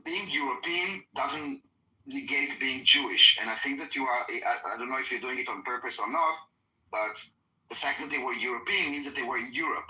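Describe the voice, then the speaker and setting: A man's voice: mid-range voice, moderate pace, bright, forceful tone, reverberant, rough recording. Man on a glitchy, cutting-out call. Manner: insistent, talks over others, repeats words. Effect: glitchy call audio that keeps cutting out. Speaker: debate participant on a call-in panel. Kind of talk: heated online debate. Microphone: remote call microphone.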